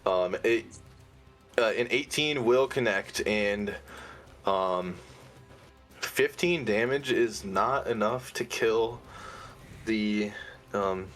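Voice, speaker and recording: A man with a lowish voice runs a tabletop game, narrating the action in an easygoing, halting way full of fillers. Soft music plays faintly behind him. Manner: relaxed, hesitant with fillers. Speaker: game master.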